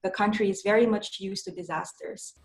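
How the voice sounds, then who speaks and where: A woman with a Filipino accent and a voice of middle pitch. She explains ideas clearly and evenly, speaking as if in a documentary interview. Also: fairly even intonation, a little fast, roomy sound, low-quality recording. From Philippines.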